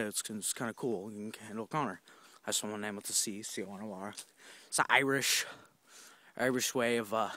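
Walking a forest trail with a handheld phone, a young vlogger spins a rambling, profane story riddled with fillers and restarts. His medium-pitched voice sounds pushed and bright, and the recording has no room sound.

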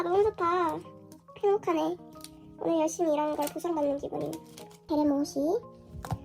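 Vlogger, female, voice-changed into a very high chipmunk pitch, hoarse underneath, gushy, music bed behind. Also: a little mellow. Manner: squeals and gushes often. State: hoarse from illness. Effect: pitch-raising voice changer. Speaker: album unboxing vlogger. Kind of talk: casual excited unboxing chat.

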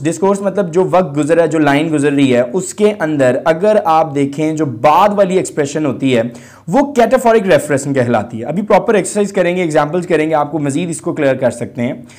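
A man teaching an English lesson, explaining in Urdu and reading the English words out slowly with drawn-out emphasis. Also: a little high, darkish tone. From Pakistan. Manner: slow and deliberate, mixing Urdu with English. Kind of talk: recorded classroom lesson.

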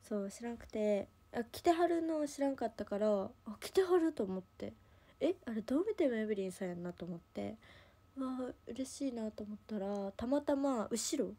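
Speaking with a Kansai Japanese accent, a young woman hosting an idol livestream chats casually and rambles through a story packed with fillers. Her voice is a little high and mellow.

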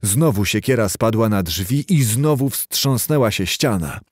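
Male audiobook narrator, measured delivery, dry close sound. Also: lowish voice, animated, no room sound. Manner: measured, storytelling. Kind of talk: scripted literary narration.

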